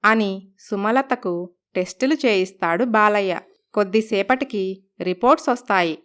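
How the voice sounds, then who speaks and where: Smooth-voiced woman narrator. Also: medium pitch, measured pace. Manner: steady, storytelling. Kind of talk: scripted story narration.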